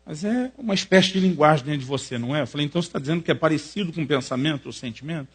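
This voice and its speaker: A Brazilian man, a pastor, preaching with jokey, animated storytelling in a husky voice. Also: a little high, racing. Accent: Brazilian Portuguese. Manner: animated, jokey storytelling with rising excited peaks. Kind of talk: sermon storytelling.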